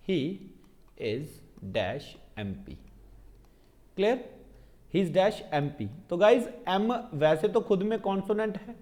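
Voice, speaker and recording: A young man teaching English grammar for exam prep in mixed Hindi and English, checking in with his students after each point and slowing down to spell out example sentences. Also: high-pitched, darkish tone.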